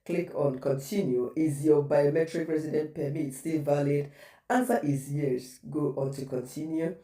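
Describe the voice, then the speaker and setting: A man's voice: a little high, dark tone. Man guiding viewers in an echoey room. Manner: patient instructional, repeating steps. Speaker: tutorial host. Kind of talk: step-by-step how-to guide. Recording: echoey room, distant mic.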